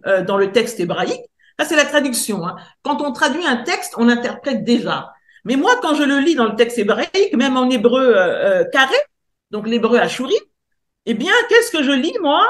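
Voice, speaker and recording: A woman researcher giving a lecture presentation, pausing often to search for words and spelling out sounds slowly and carefully. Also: fairly high pitch, reverberant. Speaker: researcher and theologian presenting a decoding.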